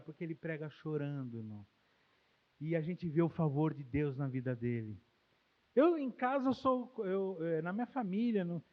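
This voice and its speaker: A Brazilian man preaching a sermon as pastor, emotional, swinging from loud exclamations to quiet, intimate tones. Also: sits high. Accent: Brazilian Portuguese. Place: church hall. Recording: long hall reverb, dull lo-fi sound.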